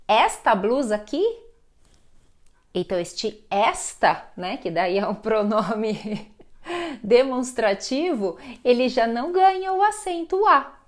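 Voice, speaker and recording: A woman's voice: on the high side, fairly bright tone. A woman teaching a grammar lesson online, explaining patiently and often checking in with "né?". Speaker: Portuguese teacher.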